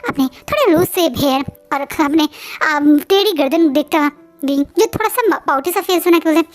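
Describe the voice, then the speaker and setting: A woman casually retelling a fan story, chatty and animated, sometimes talking straight to the characters. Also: sits high, fairly quick. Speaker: fan fiction narrator. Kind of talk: casual storytelling in Hindi and English.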